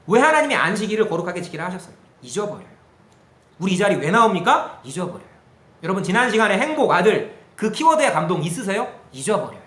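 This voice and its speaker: Animated man preaching in an echoey room. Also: sits high. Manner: animated, asks the group questions, acts out quotes. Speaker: pastor. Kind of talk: sermon to a youth group.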